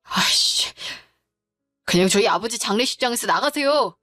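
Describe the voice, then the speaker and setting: A grieving young daughter, tearful yet firm and confrontational, as a woman puts her on. Her voice is slightly high, recorded close and dry, with soft music in the background. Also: lively intonation, normal speed, dry recording. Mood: upset. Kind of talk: storytelling drama voice acting.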